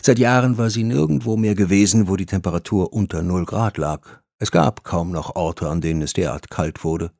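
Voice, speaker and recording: A man narrating an audiobook in a steady, measured storytelling voice. His pitch sits very low, and the recording is close and dry with no room sound. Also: creaky, no room sound.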